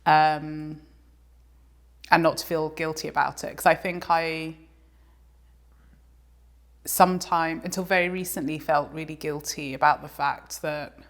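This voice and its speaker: A woman's voice: low-pitched, fairly even intonation, a little slow, pauses often. A woman, a composer talking reflectively as an interview guest, with many ums and restarts. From England. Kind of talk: casual interview conversation.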